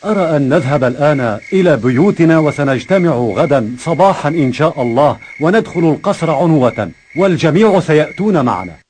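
A man acts out an agitated townsman in an Arabic historical drama. He declaims in formal Classical Arabic, high and fast with big swings of pitch, amid a loud crowd. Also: lively intonation, a little hiss or hum, close to an everyday voice. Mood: resolved. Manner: declamatory, calling out to people. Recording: loud outdoor crowd din behind.

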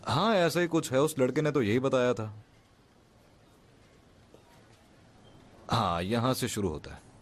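A man's voice: medium pitch, normal speed, natural voice. An actor dubbing a wealthy young businessman in a drama. He teases playfully but turns curt when he gives orders. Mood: instructing. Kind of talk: dubbed drama acting.

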